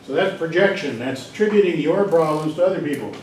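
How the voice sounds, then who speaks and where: In a lecture hall, a man gives an informal, chatty psychology lecture, speaking directly to his students and drifting into asides. His voice is fairly high, expressive, and a little mellow, with a quick pace. The roomy hall is captured by a distant mic with faint hiss.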